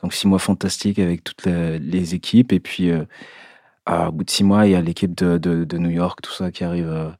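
A man, an actor interviewed as a guest, recounting his path in a reflective way, pausing often to find his words. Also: low voice, flat delivery, a little mellow, no room sound, studio quality. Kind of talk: personal storytelling in an interview.

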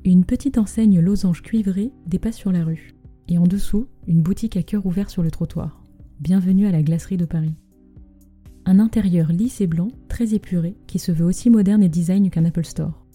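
A woman with a very dark, mellow, fairly low voice tells a scripted story as a podcast host. She speaks close to the mic, as if right in your ear, with music playing softly behind her. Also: moderate pace.

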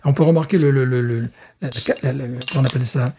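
A man's voice: mid-range voice, fast talker, warm tone, a little hiss or hum. A man co-hosting a casual beer-tasting chat, hesitant and repeating words, slipping in dry wordplay. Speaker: podcast co-host, beer taster.

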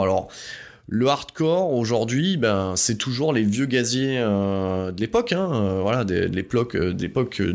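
Male podcast host, casual and rambling, a slightly low voice with grit. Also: vocal fry. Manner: loose and rambling, many fillers and asides. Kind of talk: casual music podcast monologue.

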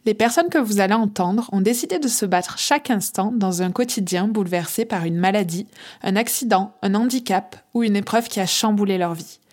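A woman's voice: medium pitch, fairly quick, darkish tone. A French woman with a singsong southern accent, hosting a podcast, reading a scripted intro and then asking interview questions. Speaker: podcast host.

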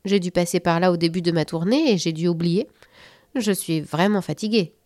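A woman's voice: on the low side, moderate pace, a little mellow, no echo, studio quality, lightly acted. A woman voicing an overworked, frazzled female tooth-fairy mouse who talks in a fretful, self-pitying way. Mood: puzzled.

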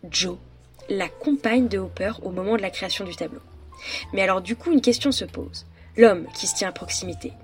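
Chatty woman host with playful asides. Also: medium pitch. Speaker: podcast host. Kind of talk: casual explanatory chat.

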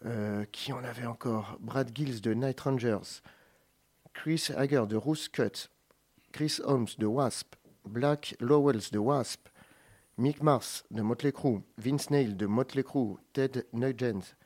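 A man co-hosting a radio music show, reading long lists of names with joking asides and quick self-corrections. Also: medium pitch, a little mellow. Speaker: radio co-host presenting a music segment. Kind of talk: casual radio chat.

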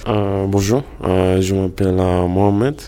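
A young man in his twenties from Bangladesh, a student, speaking haltingly with many pauses. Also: low-pitched, fairly even intonation, mellow. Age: 20s.

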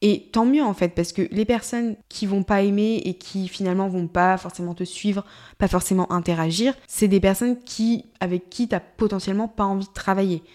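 A woman's voice: medium pitch, fairly even intonation, normal speed, darkish tone. A woman hosts a solo business podcast. Her tone is friendly and informal as she walks the listener through advice step by step, like a coach talking to one person. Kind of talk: casual solo podcast teaching.

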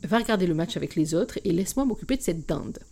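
A woman's voice: on the low side, lively intonation, quick pace, darkish tone, slight background noise. A woman reading a romance aloud, voicing a bustling mother who laughs while she scolds her son in the kitchen. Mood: amused scolding. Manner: cheerful, scolding. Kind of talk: audiobook reading.

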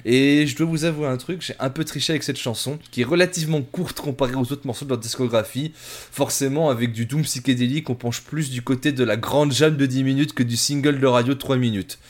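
A man's voice: medium pitch, steady tone, a little fast. A man hosting a music podcast, reviewing a band in a rambling, self-mocking, filler-heavy way.

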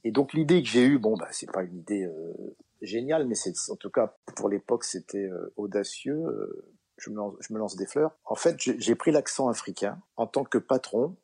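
A middle-aged man, a comedian guest in an interview, telling anecdotes in a relaxed way with many fillers and acted-out dialogue. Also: lowish voice, moderate pace, vocal fry, breathy edge. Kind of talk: relaxed storytelling.

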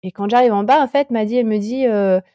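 A woman's voice: on the high side, quick pace, dark tone, dry recording, studio quality. A woman in her thirties, a climber guest on a podcast, chatting casually and hesitantly with many fillers and restarts. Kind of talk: casual interview chat.

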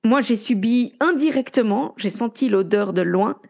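A woman's voice: fairly high pitch, lively intonation, moderate pace, creaky, darkish tone. A young woman co-hosting a podcast, casually retelling a true-crime story and chatting along with her co-host. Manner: chatty, retells events with quoted dialogue.

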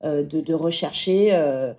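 A woman's voice: sits low, a little slow, dark tone. A woman in her thirties, a podcast guest and former teacher, speaking reflectively in a conversational interview. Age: 30s. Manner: reflective, thinking aloud.

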